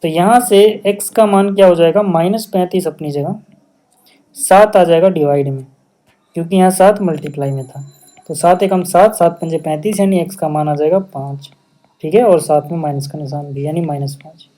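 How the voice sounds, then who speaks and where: A man with a Hindi accent and a mellow voice on the high side teaches maths at a normal speed. Standing at a whiteboard, he goes step by step, keeps asking if students follow, and switches into English for maths terms within his Hindi.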